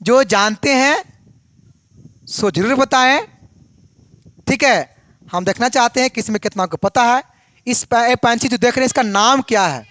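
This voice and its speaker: A woman teacher leads a biology class. She speaks in a high, unhurried voice and keeps asking her students questions before she answers them herself. The recording is dry and close. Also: fairly bright tone, no echo.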